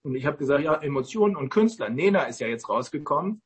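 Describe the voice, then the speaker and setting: A man in casual online talk, rambling and halting with many fillers. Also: a little high, expressive, husky.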